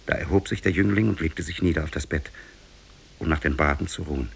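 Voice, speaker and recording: A sorrowful young narrator in a 1950s radio play: very low, gravelly, measured. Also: male voice, exaggerated voice. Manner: measured storytelling, sinks into sorrow. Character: grieving young man telling his sad tale. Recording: old tape, muffled radio play.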